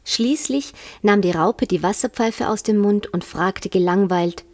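A woman narrating a children's story in a calm, even reading voice. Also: medium pitch, unhurried.

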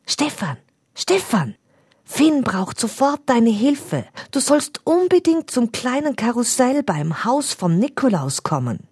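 A small female messenger from a storybook, put on by a woman, whispering an urgent message. The voice is raised well above her own and has a husky, breathy grain in a dry close recording. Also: a little high, takes it slowly, dry recording, pitched above the performer's own voice, heavily acted. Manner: excited whispering.

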